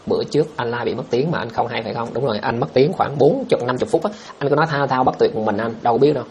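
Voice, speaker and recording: A man hosts a casual livestream, reading viewer comments aloud and answering them bluntly, with a scoffing edge. He talks at a brisk, rapid clip. A faint hum of background noise sits under his voice. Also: mid-range voice.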